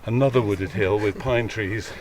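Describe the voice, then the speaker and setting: A podcast host conducts a walking interview, asking short, curious questions while climbing a hill outdoors and getting a bit out of breath. His voice is on the low side at a moderate pace, picked up by a slightly distant outdoor mic with faint noise.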